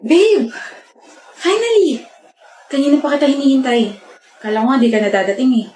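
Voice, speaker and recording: A woman performing scripted comedy skit scenes in a lively, exclamatory way. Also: high voice, rapid-fire. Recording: echoey room with faint hum.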